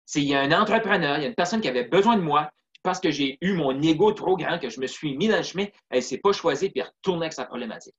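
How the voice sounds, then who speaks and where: Speaking very fast with hardly any pauses, this Québécois-accented sales closer gives a casual interview, reflective and earnest, sprinkling in "tu sais" and "puis." His voice is fairly high, a bit bright, and lively in intonation, captured on slightly dull, lo-fi audio.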